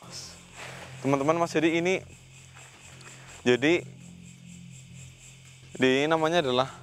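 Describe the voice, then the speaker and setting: A man with a slightly high voice hosts a ghost-hunting vlog. He sternly questions an unseen spirit and breaks off to murmur Islamic prayers. Faint music plays underneath. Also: unhurried. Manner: commanding, confronting an unseen spirit. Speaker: paranormal investigator host.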